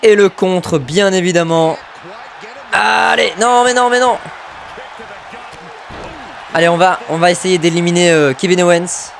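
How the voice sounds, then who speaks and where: Excitable high-voiced male game commentator. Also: measured pace, creaky, long pauses, some chatter behind, slight background noise. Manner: excitable, bursts into shouts at big moves, mutters asides to himself. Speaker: gamer commentating his own wrestling video game match.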